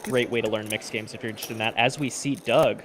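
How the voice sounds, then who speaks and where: A man's voice: on the low side, steady tone, fast talker, noisy background. A man giving live poker commentary as a stream commentator, explaining the play in an analytical way. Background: poker players chattering.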